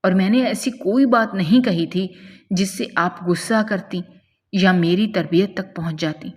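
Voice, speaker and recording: Woman reading a measured, admonishing male doctor, lowish voice. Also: long reverb tail, lightly acted. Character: calm male doctor giving firm advice.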